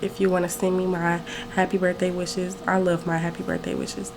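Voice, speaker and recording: A woman's voice: on the low side, little pitch movement, brisk, gravelly, background noise. A nineteen-year-old woman telling a story on her own podcast, chatty and rambling, often correcting herself mid-sentence. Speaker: podcast host. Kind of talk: casual storytelling.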